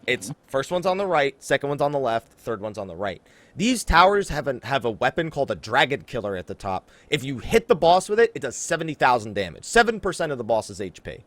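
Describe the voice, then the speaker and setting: Speaking in a mid-range voice with large pitch swings, a gaming podcast host talks fairly quickly and with a fairly bright tone. He's casual but emphatic, pumping up the audience by talking right to them. No room sound is audible.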